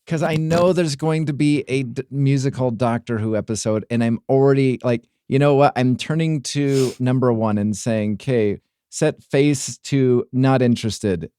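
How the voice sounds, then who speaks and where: Man, podcast co-host, sarcastic, dismissive, joking, dry mic, middle pitch. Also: steady tone, moderate pace, hardly any pauses, warm tone, smooth, no room sound. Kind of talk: casual chat.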